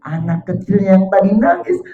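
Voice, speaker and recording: A man telling a religious story to schoolchildren in a lively, dramatic way. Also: fairly high pitch, measured pace, phone-quality sound. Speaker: children's storyteller. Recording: echoey room, faint music.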